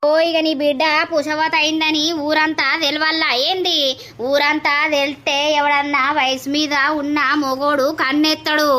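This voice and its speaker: A bossy, pregnant village stepmother from an animated drama, voiced by a woman, snapping in a Telangana Telugu accent. Her voice sits high and sounds bright and tense. She scolds without letting up. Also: normal speed. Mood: scolding.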